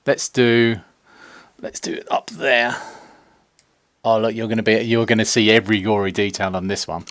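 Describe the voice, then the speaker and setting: A man's voice: lowish voice, little pitch movement, moderate pace, fairly bright tone, no room sound. A man chatting casually on a live stream as he paints a pinball cabinet, self-mocking and sometimes dropping to a near-whisper while he concentrates. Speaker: maker streaming a pinball build. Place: home workshop. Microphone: separate desk mic, not on camera.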